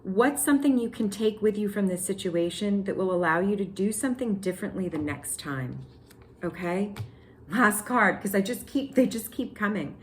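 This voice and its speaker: A young woman giving a tarot reading to her viewers, excitable and slangy, talking straight to them. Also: medium pitch, normal speed, a little hiss or hum. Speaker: tarot reader. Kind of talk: casual tarot reading to camera.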